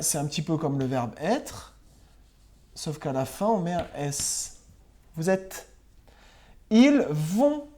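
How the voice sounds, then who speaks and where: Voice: mid-range voice, dark tone. A primary school teacher giving a recorded lesson to pupils at home, patiently spelling words out letter by letter and often checking that they follow.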